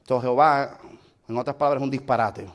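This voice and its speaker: A man's voice: medium pitch, quick pace. A man teaching a Bible study lesson, explaining step by step and checking with listeners whether they follow. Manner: explanatory, asks the listener questions; mixes in English fillers like "so".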